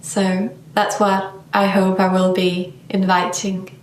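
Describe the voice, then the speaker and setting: Female yoga teacher, vlog monologue, unhurried and searching for words, sits back from the mic. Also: mid-range voice, level tone, echoey room, recorded from a distance, a little hiss or hum. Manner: slow, thoughtful, searching for words.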